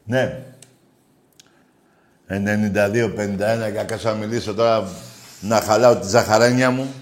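A man hosting a call-in radio show, blunt and crude, going from low grumbling to loud mocking rants. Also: fairly even intonation.

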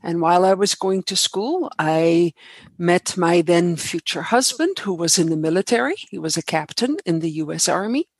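A Dutch-born woman in her sixties speaks English as a guest audiologist. She tells her stories in a lively, measured way. The sound is dry and close, with no room echo. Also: on the low side, breathy edge. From Netherlands. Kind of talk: interview answers.

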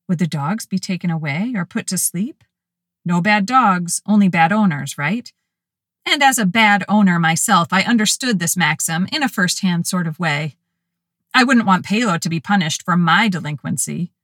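A woman narrating her own story as a first-person audiobook, telling it in an expressive, lively way. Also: on the low side, no echo, studio quality.

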